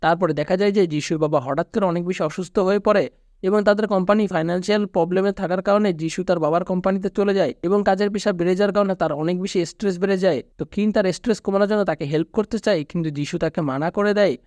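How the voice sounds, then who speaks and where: Narrator: male, Bangladeshi Bengali accent, high voice, dry close recording, even storytelling read. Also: quick pace, no echo. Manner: steady storytelling recap, quoting characters flatly. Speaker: movie recap narrator. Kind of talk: scripted narration.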